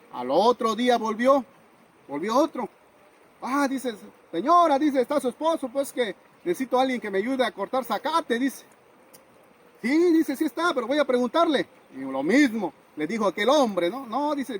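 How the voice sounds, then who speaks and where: A man's voice: extremely high pitch, breathy edge, rough recording. A man from Mexico telling a folktale in a folksy way, often tagging lines with "dice" and "¿no?". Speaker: storyteller.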